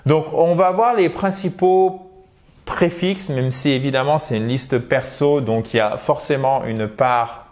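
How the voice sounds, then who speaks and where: A man giving a lively video lesson, speaking straight to viewers and sounding out English words slowly. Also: medium pitch. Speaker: English teacher.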